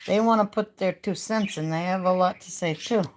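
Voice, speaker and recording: A woman's voice: on the low side, moderate pace, a little hiss or hum. A woman chatting casually on a live stream and talking straight to her viewers in a folksy, easygoing way. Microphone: phone.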